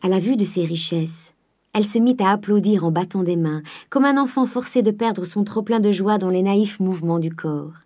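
A woman narrating a classic novel in a soft, hushed reading. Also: mid-range voice, animated, normal speed. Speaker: audiobook narrator.

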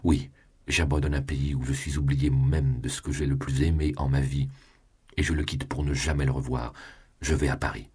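A man's voice: a bass voice, fairly even intonation, moderate pace, a little mellow, husky, full character voice. A man voicing a proud young man who speaks in a cold, firm, resolute tone in an audiobook.

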